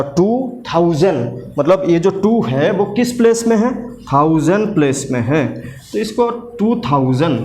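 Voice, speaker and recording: Patient male maths tutor, slightly high voice. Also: a little mellow. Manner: asks questions and answers them himself, repeating steps; mixes English maths terms into Hindi. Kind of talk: explaining a maths lesson.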